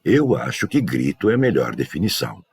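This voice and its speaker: A man working as a dog trainer, giving a measured, scripted educational narration. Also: a bass voice, big pitch swings, creaky, a little mellow. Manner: measured, explanatory delivery.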